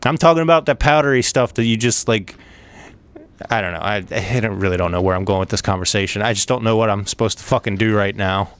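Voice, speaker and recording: A man giving let's play commentary on a horror game, swearing a lot, rambling and breaking into excited outbursts. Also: fairly low pitch, fast, clean tone. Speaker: gaming video host.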